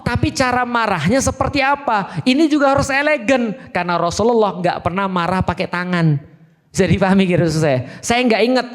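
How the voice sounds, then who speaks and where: Guy giving a casual sermon, pretty high voice, keeps asking the crowd if they get it. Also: a bit bright. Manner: conversational, asks listeners questions. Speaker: preacher. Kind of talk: religious talk.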